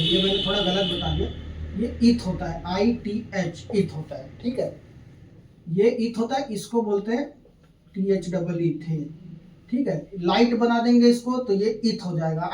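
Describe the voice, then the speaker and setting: Guy teaching shorthand, high voice, far from the mic, echoey room, patient, repeats stuff. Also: mellow. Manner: patient, repeats steps, keeps checking in with "thik hai". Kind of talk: classroom lesson at a board.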